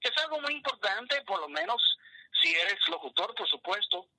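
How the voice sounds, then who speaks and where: A man co-hosting a baseball radio show, telling anecdotes in a lively commentator's manner. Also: extremely high pitch, moderate pace, gravelly, no room sound, poor audio. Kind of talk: radio sports talk.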